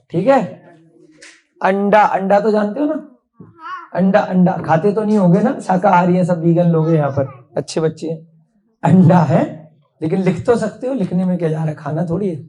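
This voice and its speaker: Slow-speaking woman teacher drilling a class. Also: on the low side, mellow. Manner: drills words, asks pupils questions.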